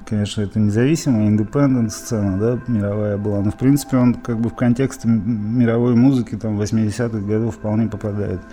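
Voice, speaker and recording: Low, mellow-voiced Russian man reminiscing. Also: steady tone, quick pace, hardly any pauses, soft background music. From Izhevsk, Russia. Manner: rambling, many fillers and restarts. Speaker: interviewee, musician. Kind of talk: casual interview reminiscing.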